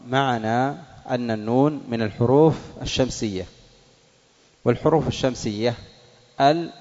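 A man's voice: mid-range voice, darkish tone. Man teaching recitation rules in a reverberant hall. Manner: drills examples slowly and repeatedly, quizzes students. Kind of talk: classroom lesson on recitation rules. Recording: dull audio in a reverberant hall.

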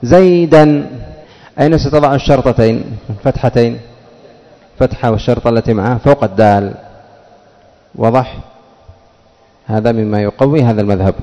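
Dark-voiced man teaching grammar, echoing room. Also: medium pitch. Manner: asks questions and answers them himself; slows and stresses example words. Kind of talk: classroom lesson. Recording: long reverb.

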